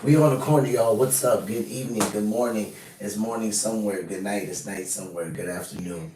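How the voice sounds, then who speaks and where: A man hosts a casual live stream reacting to the news, speaking straight to his chat in a mellow, lowish, slightly scratchy voice. He talks briskly, and the distant mic makes the sound reverberant.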